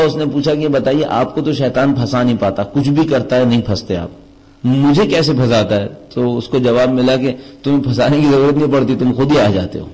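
Emphatic preacher man, pitch swinging high and low. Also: rough recording. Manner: rising to emphatic high pitch, then dropping low and soft; storytelling with questions to the audience. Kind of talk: religious sermon.

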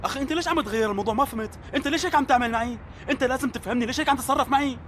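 Exasperated, fast-talking Syrian father. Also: very high voice, a bit bright, a little hiss or hum. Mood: exasperated, insistent. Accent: Syrian Arabic. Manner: insistent, repeats himself. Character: anxious, exasperated divorced father, pleading and flustered.

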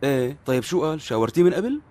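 A man's voice: a little high, big pitch swings, racing, darkish tone. An actor with a Syrian accent playing a fretful, defensive middle-aged divorced father who talks over others and protests. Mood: flustered. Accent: Syrian Arabic.

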